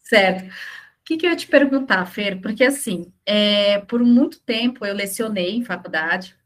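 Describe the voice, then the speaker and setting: A woman's voice: medium pitch, lively intonation, moderate pace. A Brazilian woman hosting a radio interview, chatty and questioning, with fillers and tag questions. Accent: Brazilian Portuguese. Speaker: radio host. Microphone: studio radio microphone.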